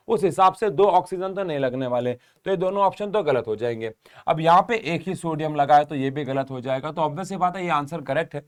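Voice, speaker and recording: A man's voice: fairly high pitch, clear, resonant tone. A young man teaching an exam-prep chemistry lesson, explaining step by step and speaking straight to his students.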